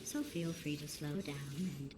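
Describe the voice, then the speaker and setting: A woman voicing a cold, sarcastic female computer that runs a test lab, calm and insulting, with a robotic processed sound. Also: low voice, unhurried. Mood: deadpan sarcasm. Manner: deadpan, passive-aggressive, insulting in a calm even tone. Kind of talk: video game dialogue. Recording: echoey game audio with steady hum.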